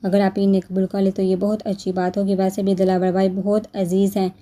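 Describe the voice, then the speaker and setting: A caring young son, earnest and worried, as a female narrator reads his lines. The delivery is flat and even, and the voice is very dark and mellow, in a romance novel reading. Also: medium pitch, lightly acted. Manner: earnest, concerned.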